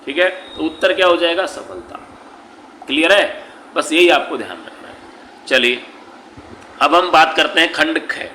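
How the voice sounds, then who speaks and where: A man's voice: on the high side, expressive, a little slow, pauses often, sharp tone. A man teaching Sanskrit, walking students through an exam paper, who patiently repeats each point, asks his own questions and answers them, and calls the students "beta". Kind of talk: classroom-style exam paper walkthrough. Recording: echoey room with faint background noise.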